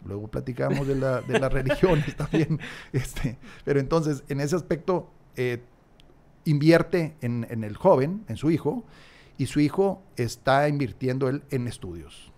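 A man's voice: medium pitch, animated, unhurried, darkish tone. A man, a podcast guest who talks at length, acts out little dialogues and repeats key phrases for emphasis, recorded on a studio mic in a small room. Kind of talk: casual conversational interview. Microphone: large studio mic on a stand, headphones.

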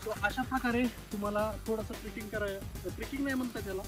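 A young man with a Marathi accent, talking excitedly to a handheld camera outdoors and while paragliding, in a casual travel vlog. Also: high-pitched, fast talker, over music. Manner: energetic, chants slogans loudly mid-flight. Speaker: travel vlogger. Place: outdoors, then in the air paragliding. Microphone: handheld camera at arm's length.

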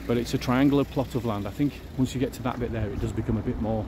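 A fast-talking man with a medium-pitched, steady voice narrates a relaxed walking tour outdoors in a city. He muses out loud with plenty of fillers, against a backdrop of street noise.

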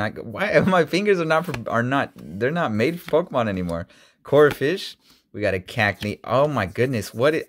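Chatty man rambling over card packs. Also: fairly bright tone. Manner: chatty and rambling, many ums and restarts, rises high when surprised. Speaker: YouTuber opening card packs. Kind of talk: casual card-opening vlog. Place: indoor room, seen on webcam.

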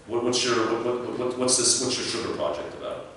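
A man giving a lively classroom lecture, acting out little mock conversations with jumps into high, squeaky voices. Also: a little fast, slight background noise. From Canada. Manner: animated, acts out mock dialogues in squeaky voices. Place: lecture room. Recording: echoey room from a distant mic.

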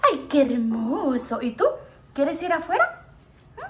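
A woman's voice: high voice, big pitch swings, a little slow, a little hiss or hum. A woman talking playful baby talk to her pet parrots, cooing and often laughing.

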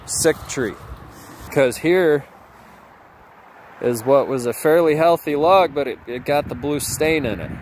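A man's voice: a little high, a little hiss or hum. A man in his thirties, a chainsaw carver, explaining his wood in a rambling, easygoing way while filming on a handheld phone in his workshop and yard. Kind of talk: casual how-to vlog. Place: cluttered workshop and yard, partly outdoors. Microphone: handheld phone camera.

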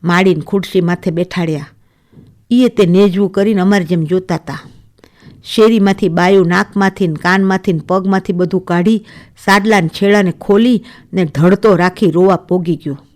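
A woman reading a first-person short story aloud in a steady, measured storytelling voice for a radio serial. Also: lowish voice. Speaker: story reader.

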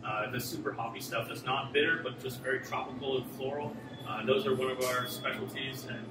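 A man's voice: mid-range voice, a little fast, very noisy. Chatty man recorded from across an echoey taproom. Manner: relaxed and chatty, many fillers. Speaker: brewmaster. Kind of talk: casual interview. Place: brewery taproom with concrete block walls. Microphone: camera mic from a few meters away. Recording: echoey room, distant mic, loud music.

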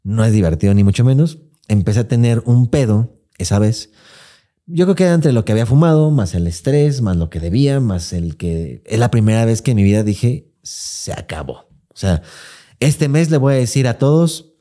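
A man's voice: medium pitch, moderate pace. A man with a Mexican Spanish accent, a podcast co-host telling a personal story in casual, swearing, slang-filled chat, acting out what people said. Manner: swearing, slangy, animated retelling with acted quotes.

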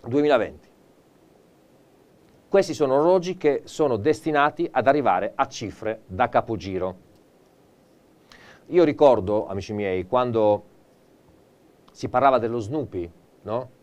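A man hosting a live television shopping show. He pitches with theatrical enthusiasm in a mid-pitched voice, swinging between hushed confidences and big emphatic peaks. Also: measured pace, long pauses. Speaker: TV shopping presenter. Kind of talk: live teleshopping sales pitch.

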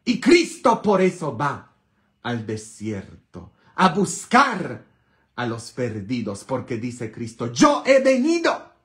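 Slow, bantering priest. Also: male voice, medium pitch, sing-song. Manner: bantering, earthy humor, constant tag questions; sudden loud emphatic bursts. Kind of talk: informal sermon.

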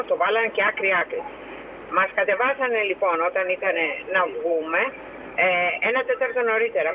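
A woman's voice: lowish voice, fairly bright tone, slight background noise, low-quality recording. A woman phoning in to a show, agitated and indignant as she recounts a complaint. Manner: agitated, indignant, fast retelling with quoted dialogue. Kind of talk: phone-in interview, recounting a complaint.

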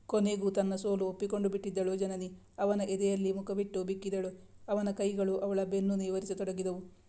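A woman hosting her channel and narrating a serialized romance story in a steady, even reading. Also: medium pitch, normal speed.

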